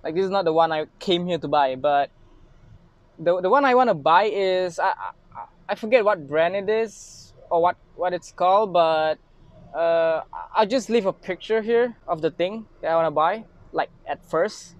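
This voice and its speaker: A man's voice: sits high, moderate pace, no echo, dull audio. A young man from Malaysia with a Malaysian English accent, chatting casually and rambling through a grocery haul from inside a parked car, filming on a handheld phone. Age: young adult. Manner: rambling, self-mocking, lots of fillers and restarts. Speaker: vlogger. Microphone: phone camera held close.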